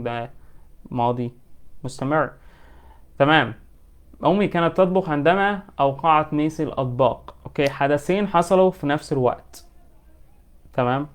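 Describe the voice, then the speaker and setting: A man with an Egyptian Arabic accent teaching an English lesson, explaining in colloquial Arabic and reading English example sentences slowly and carefully. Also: medium pitch, smooth.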